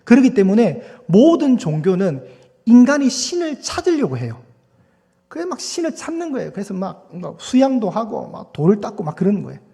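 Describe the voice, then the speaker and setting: A man's voice: high-pitched, huge pitch swings, a little fast, gravelly, mellow, big-room sound. A man preaching a Sunday sermon as pastor, talking with the congregation and asking them questions. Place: church sanctuary.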